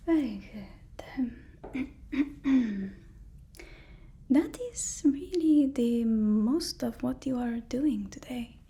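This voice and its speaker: In a slightly high, mellow and faintly rough whisper, a woman performs an ASMR roleplay as a supervillain's fussy, deferential assistant. She repeats her phrases and speaks haltingly.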